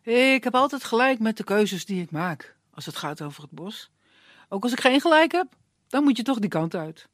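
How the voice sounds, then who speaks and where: A storyteller voicing a calm, fatherly older wood gatherer who gives directions in a puppet tale. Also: high-pitched, moderate pace, no echo, clean studio sound, voice pushed up.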